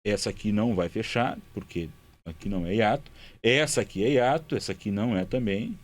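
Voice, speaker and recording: A man's voice: on the low side, fairly quick. Male teacher, patient board walkthrough, repeats key words, checks in often. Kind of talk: explaining grammar exercises at a board.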